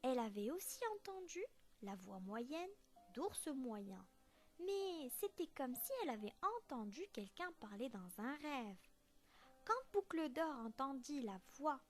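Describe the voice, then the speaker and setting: A woman teacher reading a children's story aloud in a slow, expressive storytelling voice. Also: sits high.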